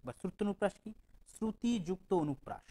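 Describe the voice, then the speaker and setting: A man's voice: high voice, expressive, mellow, rough recording. Male teacher, exam-prep lecture, patient explaining, repeats definitions, sounds out words. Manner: demonstrates pronunciation aloud; recites poem lines slowly.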